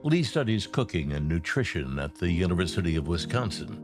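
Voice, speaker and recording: Man as true crime narrator, lively pitch swings. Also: brisk. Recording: music playing behind the narration.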